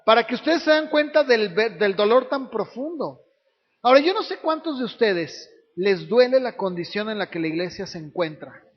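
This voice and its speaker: High-voiced pastor preaching in a hall. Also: male voice, lively intonation, normal speed. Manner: preaches with frequent rhetorical tag questions, acting out voices of others. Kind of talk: sermon. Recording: reverberant hall, dull lo-fi sound.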